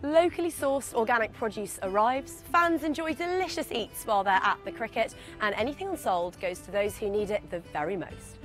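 Lively woman presenting a feature. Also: a little high, a little fast, few pauses, faint music behind. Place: outdoors at a stadium.

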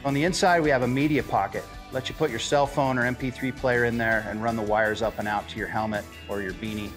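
A man's voice: fast, over music. Middle-aged salesman walking through jacket features. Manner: friendly, steady sales pitch. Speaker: ski shop salesman. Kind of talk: product demonstration.

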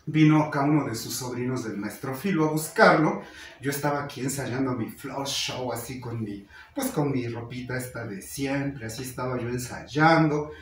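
A man's voice: on the high side, a little hiss or hum. A man with a Mexican accent telling a comic story in a flamboyant, chatty stage persona, acting out the other people in the story. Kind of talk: comedic storytelling monologue. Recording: echoey room from a distance with faint music.

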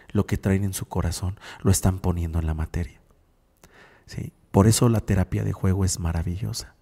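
A man's voice: low voice, dark tone, long reverb tail. A male radio host and psychologist, giving reflective spiritual talk and often checking in with his listeners. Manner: reflective, keeps asking "sí?".

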